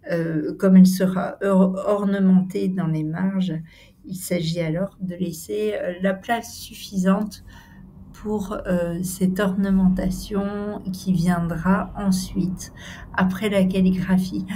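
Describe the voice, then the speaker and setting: A woman's voice: medium pitch, fairly even intonation, slow, mellow, a little hiss or hum. A woman with a French accent hosting her channel, narrating a workshop visit in a hesitant way, with many fillers and some whispered asides. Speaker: channel host.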